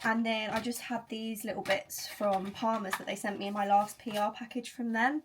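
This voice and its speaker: A woman's voice: on the high side, fairly even intonation, moderate pace, a little hiss or hum. Young British woman vlogger, twenties, breezy filler-heavy chat recorded at home. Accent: British English. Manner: chatty, frequent "like" fillers, upbeat. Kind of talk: casual vlog chat. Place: home, indoors.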